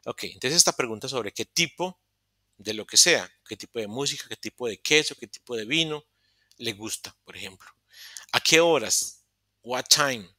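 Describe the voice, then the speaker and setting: A man's voice: mid-range voice, animated, moderate pace, bright, forceful tone, dry recording, clean studio sound. A man teaching English grammar in an online class, explaining step by step, repeating phrases and correcting himself as he goes. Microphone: computer microphone in a virtual session.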